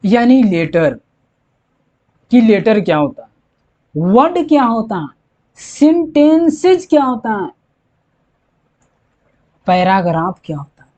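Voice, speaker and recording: This English teacher's mid-range voice swings widely in pitch and carries a dark tone, moving slowly with long pauses. The grammar lesson goes step by step, with each point repeated and self-posed questions answered, all captured on a dull lo-fi recording.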